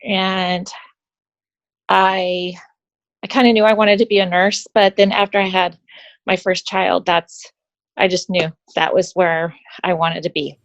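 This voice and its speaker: A woman who works as a labor and delivery nurse, explaining her job in a plain, slightly halting way. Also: lowish voice, level tone, highs cut off.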